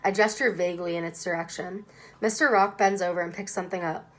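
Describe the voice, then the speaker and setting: A woman's voice: lowish voice, fairly even intonation, fast, a bit bright. A woman reading a children's novel aloud expressively, as first-person narration. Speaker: reader.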